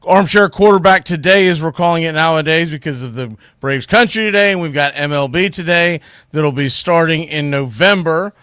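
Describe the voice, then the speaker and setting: A man hosts a casual solo sports livestream, rambling in a folksy, informal way with Southern-style phrases like "y'all." His voice is on the high side and fairly bright, at a moderate pace, and the studio-quality sound is clean with no echo.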